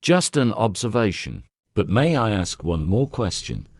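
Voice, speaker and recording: A man voicing a calm, courteous elderly detective who asks questions softly and drops French words. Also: fairly low pitch, a little slow, dry recording, studio quality, full character voice. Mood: calm probing. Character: elderly male Belgian detective, calm and probing.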